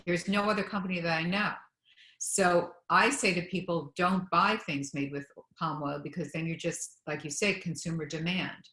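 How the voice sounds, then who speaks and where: A woman's voice: fairly low pitch, steady tone, moderate pace, pushed and bright, reverberant, rough recording. A woman hosting an interview, blunt and opinionated, often cutting in with her own views. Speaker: host. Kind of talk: casual interview talk.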